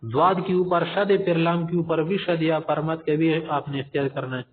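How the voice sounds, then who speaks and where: A man gives a tajweed lesson on Quran recitation rules, explaining patiently and addressing listeners as respected gentlemen. He demonstrates verses slowly, drawn out and sung, in a slightly high, steady voice. The tinny, phone-like recording has slight background noise.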